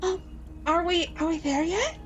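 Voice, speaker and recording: A woman's voice: very high-pitched, normal speed, soft background music, pitched above the performer's own voice. A woman voicing a tiny, eager pixie-like female creature with a small, light manner in a tabletop fantasy game.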